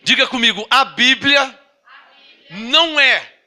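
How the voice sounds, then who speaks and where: High bright-voiced preacher teaching the Bible. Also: male voice, lively intonation. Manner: teaching, asks congregation to repeat and read along; slow emphatic stress on key words, then quick asides. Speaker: pastor. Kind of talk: sermon.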